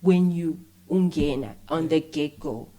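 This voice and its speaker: Talking in a low, unhurried voice, a young South African woman who makes films shares anecdotes as a guest in a casual chat. She's lively, blends English with isiZulu, and imitates other people's voices as she tells her stories.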